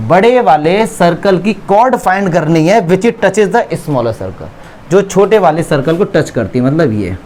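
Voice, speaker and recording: A man's voice: sits high, darkish tone, a little hiss or hum. A man with an Indian accent teaching a maths class, chatty and teasing, who keeps checking that his students follow. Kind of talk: classroom lesson explaining geometry.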